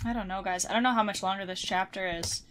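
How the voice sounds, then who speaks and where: A woman's voice: mid-range voice, fairly even intonation, fast talker, a bit bright. A young woman giving casual, exasperated horror game commentary from her room at home. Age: young adult. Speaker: gamer, host of a let's play. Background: horror game ambience and machine noise.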